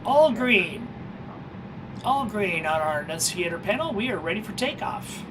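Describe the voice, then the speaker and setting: A woman's voice: mid-range voice, lively intonation, measured pace. A woman presenting as a flight simulator pilot, giving explanatory cockpit commentary and radio readbacks. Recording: clear cockpit and engine noise.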